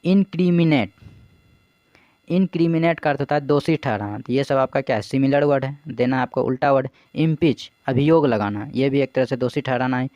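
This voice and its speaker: A man's voice: medium pitch, fairly quick, darkish tone, no echo, highs cut off. A man teaching as an exam coach, explaining English vocabulary in Hindi, asking his own questions, answering them, and spelling words out letter by letter.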